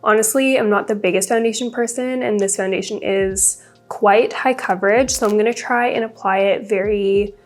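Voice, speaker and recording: Doing a casual get-ready-with-me chat, a young beauty vlogger talks through her makeup with a voice stuffed up from a cold. Her mid-range voice stays steady in tone at a moderate pace, barely pausing as she rambles cheerfully about products.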